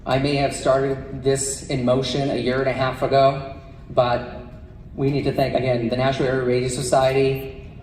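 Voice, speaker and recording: A man addresses an assembly of students as a live presenter. His pitch stays fairly even, and his voice comes from some distance in a big echoey hall with faint noise. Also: normal speed. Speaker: school event presenter.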